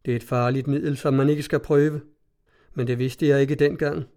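A man narrating a novel in the first person, in a measured, even storytelling manner. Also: mid-range voice. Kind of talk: scripted audiobook narration.

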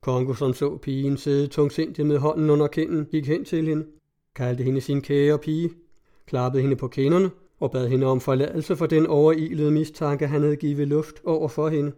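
A man narrating a classic novella in a measured, even audiobook reading. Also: fairly high pitch.

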